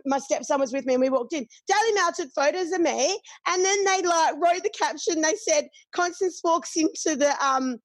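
A woman's voice: sits high, no echo. A middle-aged Australian woman chatting candidly, swearing freely and acting out what others said. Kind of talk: casual chat.

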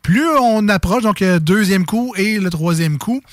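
A man's voice: high-pitched, a little slow. A man with a Quebec French accent hosting a radio game show, playful and teasing, laughing often in casual banter.

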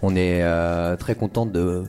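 Hesitant low-voiced male co-host. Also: fairly even intonation, slow, warm tone, soft background music. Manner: hesitant, many fillers. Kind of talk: casual radio chat.

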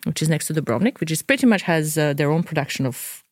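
A woman's voice: deep voice, lively intonation, fast, dry recording, studio quality. A woman from Croatia, a producer, chatting playfully and laughing easily on a podcast. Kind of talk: casual podcast chat.

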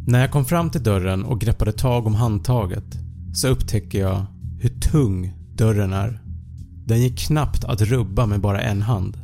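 A man tells a first-person horror story in a measured, suspenseful voice. His low tone is gravelly and dark, and faint music runs underneath. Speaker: podcast narrator.

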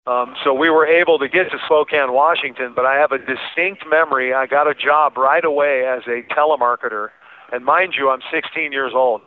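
A man's voice: mid-range voice, brisk, no echo. A man being interviewed, telling a personal story in a candid, informal and emphatic way. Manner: informal, emphatic, quotes remembered speech. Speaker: interview guest. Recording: thin phone-like line.

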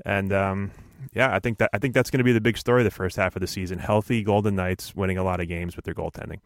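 A man hosting a casual sports podcast, rambling along with deadpan jokes and stumbling over repeated words. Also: deep voice, fast talker, no room sound, studio quality. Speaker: podcast host.

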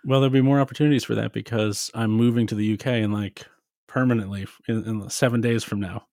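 A man's voice: on the low side, steady tone, quick pace, darkish tone, no room sound, clean studio sound. A man talking casually and self-deprecatingly as a podcast guest, telling his own story.

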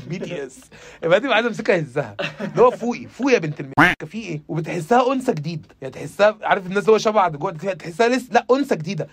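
A man's voice: high-pitched, lively intonation, rapid-fire, slightly rough, dry recording. A young man with an Egyptian Arabic accent, hosting a comedy podcast and riffing mockingly, slipping into impressions. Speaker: podcast host.

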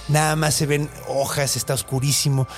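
A man's voice: a little high, moderate pace, faint music behind. A man with a Mexican accent, hosting a podcast and telling a folk tale in casual, slangy chat. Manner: animated, slangy, acts out characters. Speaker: podcast host and storyteller.

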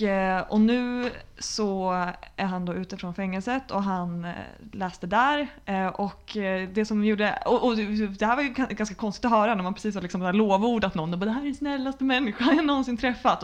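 A woman speaking earnestly and reflectively in a casual podcast conversation, with many fillers. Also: mid-range voice.

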